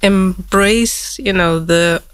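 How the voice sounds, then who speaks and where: A woman's voice: medium pitch, drawn-out words, a bit bright, clean tone, no room sound. A woman hosting an interview, asking curious, loosely phrased questions. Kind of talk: casual interview.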